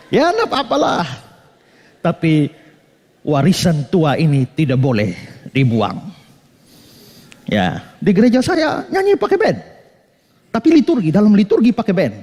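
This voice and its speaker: A man preaches with a high voice that swoops up and down. He keeps asking his listeners questions and answers them himself, and he sings bits of hymns to make his points. Long reverb hangs after each phrase. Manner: animated preaching, singing short hymn phrases to make points. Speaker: pastor. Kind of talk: sermon.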